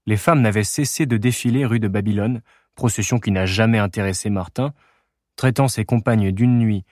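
A man narrating a literary audiobook in a measured, unhurried reading. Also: on the low side, a little mellow, no echo, clean studio sound.

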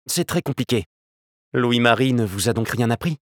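A man reading a novel aloud and voicing a calm young man who speaks wryly. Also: mid-range voice, moderate pace, no room sound, clean studio sound, voice pushed up, close to an everyday voice. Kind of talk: audiobook character voice.

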